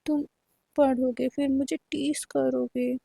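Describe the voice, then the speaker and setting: A woman's voice: high voice, little pitch movement, slow pace, vocal fry, mellow, breathy edge, no room sound, exaggerated voice. A woman voicing a shy, childlike boy who pleads and pouts in a whiny way. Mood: pleading.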